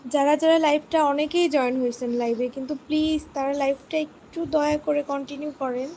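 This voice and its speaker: A woman's voice: high-pitched, steady tone, fairly quick, mellow, slight background noise. A young woman hosting a beauty channel's live stream, chatting casually with viewers into her phone and thanking them.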